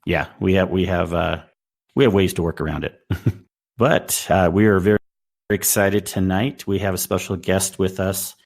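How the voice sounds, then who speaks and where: A man's voice: low voice, steady tone, normal speed, creaky. A man hosting a casual gaming podcast over a voice call, upbeat and laughing often as he talks. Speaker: podcast host. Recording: voice call over chat app.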